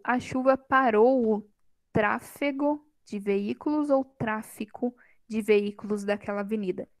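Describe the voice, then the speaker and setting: A woman's voice: a little high, no echo, rough recording. A woman teacher giving a grammar lesson in a classroom on a microphone, quizzing her students and teasing them lightly. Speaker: Portuguese teacher.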